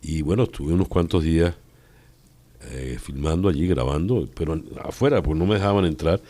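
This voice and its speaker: A man's voice: extremely low pitch, normal speed, warm tone. A man hosting a radio interview, asking playful, rambling questions. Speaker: radio host.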